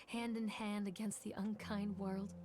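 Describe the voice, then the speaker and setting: A woman's voice: medium pitch, level tone, measured pace, darkish tone, natural voice. A woman voicing a haunted, desperate mother in a video game, theatrical and intense. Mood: brooding, bitter. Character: haunted, desperate mother searching for her young son. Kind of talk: dramatic video game voice acting.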